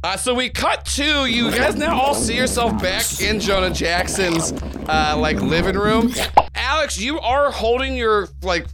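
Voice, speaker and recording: A man working as game master, improvising narration in a halting, repetitive way. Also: very high-pitched, lively intonation, over a noisy crowd. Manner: halting, repeats himself, says "like" often.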